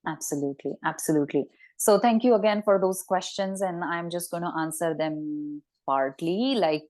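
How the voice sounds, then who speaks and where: Woman dietitian guest, calm explainer, says yeah a lot, lowish voice. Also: moderate pace. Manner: agreeable, explains step by step. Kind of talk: conversational interview.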